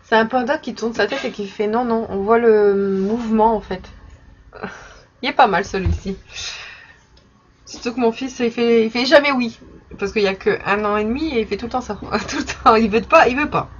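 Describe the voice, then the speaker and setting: A young woman casually chatting in her vlog while showing stickers she bought, with many fillers and soft laughs. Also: a little high, moderate pace. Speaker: vlogger. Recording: slightly dull recording with faint background noise.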